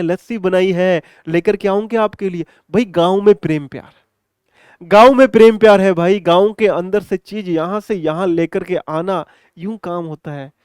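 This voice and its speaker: A man teaching an exam-prep vocabulary lesson in a chatty, repetitive way, warmly addressing his students and mixing in English phrases. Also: sits high, dry recording, clean studio sound.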